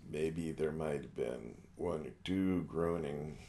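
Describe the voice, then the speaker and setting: A man answering informally in an interview as a historian, in a halting, skeptical manner. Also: very deep voice, mellow.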